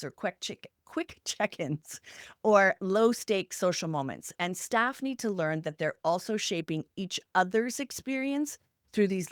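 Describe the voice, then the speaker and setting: A woman hosts a podcast, walking listeners through practical examples in a structured, earnest, instructional way. Her voice is fairly low, and the studio sound is clean with no echo.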